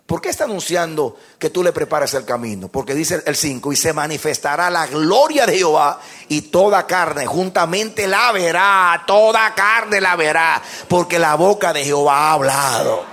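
A man preaching a sermon, loud and impassioned, leading his congregation in call-and-response. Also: a little high, moderate pace. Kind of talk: fervent sermon.

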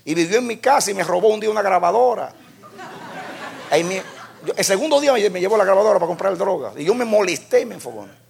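Gravelly high-voiced preacher. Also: male voice, animated, fast talker. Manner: impassioned preaching with shouted peaks. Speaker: pastor. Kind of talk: sermon.

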